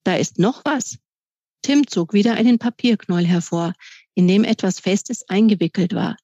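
A woman author reading aloud from her children's book in calm, measured storytelling. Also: mid-range voice, dry recording. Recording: dry, slightly dull recording.

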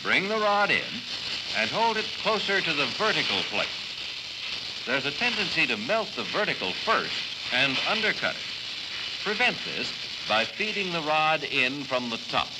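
A man giving steady step-by-step directions as the scripted narrator of an educational film. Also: on the high side, measured pace. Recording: noisy old film soundtrack.

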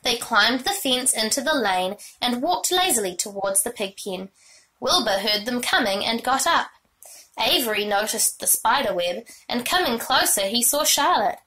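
Bright-voiced woman reading a storybook. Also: on the high side, moderate pace, low-quality recording. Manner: expressive storytelling. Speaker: reader. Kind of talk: reading a children's book aloud.

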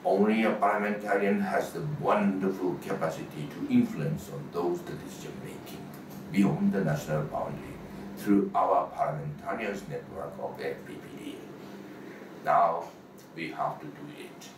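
An older man with a Japanese accent delivers a formal address in a very low, deep voice, pausing often between phrases. He sounds distant from the microphone in a roomy space, with a noisy hiss underneath. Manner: measured, halting delivery with frequent pauses. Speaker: parliamentary association chair. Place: indoor room before a banner.

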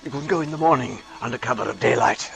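A man's voice: medium pitch, fast talker, creaky, very noisy. An actor playing a polite, nervous bookstore clerk, his lines spoken backwards and played in reverse so they sound warped and clipped. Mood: uneasy. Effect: lines spoken backwards and played in reverse, oddly warped. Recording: film soundtrack with music behind.

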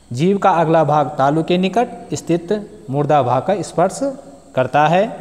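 Male teacher, slightly high voice, slow drawn-out recital of sounds, long reverb. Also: darkish tone. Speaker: school teacher. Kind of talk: grammar lesson explaining answers to students.

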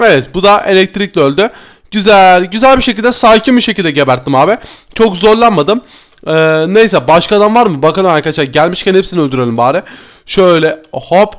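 A man doing Minecraft gameplay commentary as a YouTuber, excitable and chatty, talking to his viewers as friends. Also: sits high. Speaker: gaming YouTuber.

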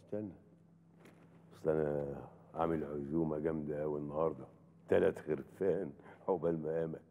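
Brief: a very deep-voiced, rapid Egyptian smooth talker who flatters and boasts. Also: male voice, phone-quality sound, slight background noise. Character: boastful, flattering rich man hosting a feast. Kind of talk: TV series acting.

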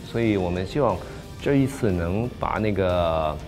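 A man's voice: deep voice, expressive, normal speed, darkish tone, soft background music. A man speaking in a seated indoor interview to camera.

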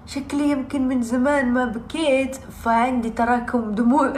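A woman's voice: sits high, steady tone, moderate pace. A woman vlogging casually to her viewers, laughing through tears and swearing she doesn't mean to cry. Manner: laughing and crying at once, swearing oaths. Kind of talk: casual vlog talk to viewers. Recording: echoey room with faint background noise.

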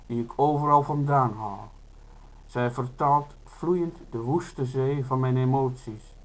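Slow, measured male literary reader. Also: medium pitch, low-quality recording. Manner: slow, measured, unhurried delivery. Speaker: author reading his own prose. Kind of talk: first-person literary reading.

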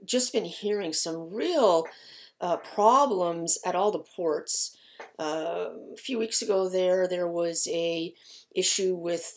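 Speaking from a small office with file-filled shelves, a middle-aged Canadian lumber market analyst and host talks through market conditions informally, explaining as she goes. Her voice is lowish and a little mellow.

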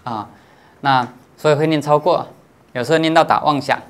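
A man's voice: on the high side, steady tone, clear, resonant tone. Patient male Buddhist teacher giving a dharma lecture. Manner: patient, explanatory, checks understanding with listeners; peppers phrases with drawn-out filler particles.

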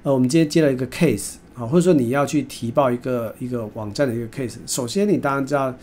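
A man's voice: medium pitch, mellow. A male lecturer with a Taiwanese Mandarin accent giving a recorded online lesson. He stops and restarts often, filling gaps with fillers and slipping English terms in. A faint hiss runs under the recording. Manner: halting, many fillers and repeated words; mixes English terms into speech. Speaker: university lecturer.

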